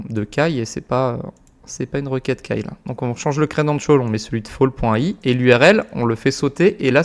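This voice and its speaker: A young man talks through a screen-recorded tutorial in a loose, chatty manner. His voice sits at an ordinary middle pitch and he fills pauses with hesitations and casual slang as he works. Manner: relaxed, many fillers, informal slang. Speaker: automation tutorial creator.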